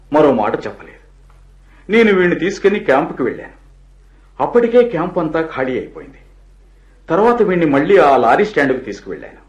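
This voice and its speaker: Man voicing a tender husband, lively pitch, echoey room, dull muffled sound. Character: gentle man who took in a lost boy. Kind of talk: radio drama acting. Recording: echoey, dull lo-fi radio drama recording.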